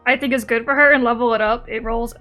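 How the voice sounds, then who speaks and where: Fast, bright and forceful, yet steady in tone, this high-ish female voice belongs to a streamer playfully chatting while she games. She laughs and responds to chat messages as game music plays.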